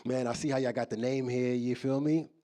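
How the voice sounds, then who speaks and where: A man's voice: mid-range voice, steady tone, measured pace, a little mellow. A man from New performing a live stand-up set, talking loosely and straight to the crowd. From New York. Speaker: stand-up comedian. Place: live comedy show in an office building.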